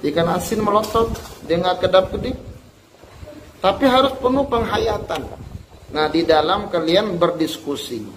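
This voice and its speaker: A man with a high voice teaches a religious lesson to his students. He chants Arabic lines slowly and then explains them in lively, colloquial speech, repeating key points. A faint hiss sits under the recording. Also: rough recording. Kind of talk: Islamic study lesson to students.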